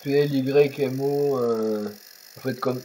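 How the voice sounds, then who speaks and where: A man's voice: mid-range voice, steady tone, slow, warm tone, slight background noise, low-quality recording. A young man casually commenting on a truck driving game, rambling with many fillers and restarts. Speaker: gaming youtuber. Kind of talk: casual let's-play commentary.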